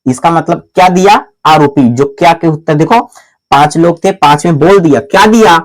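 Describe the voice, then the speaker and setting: A man teaching a grammar lesson in a classroom style, asking questions and answering them himself over and over, calling the viewer "my brother" and spelling out letters slowly. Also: on the high side. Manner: repetitive call-and-response questioning, answers his own questions; slow, deliberate spelling out of letters.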